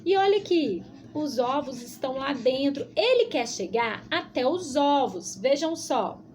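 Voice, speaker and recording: A high-pitched woman with a Brazilian Portuguese accent teaches small children in a recorded video lesson. She talks slowly and patiently, stretching syllables in a sing-song way. A faint hiss sits under her voice. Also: expressive, a little mellow. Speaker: preschool teacher.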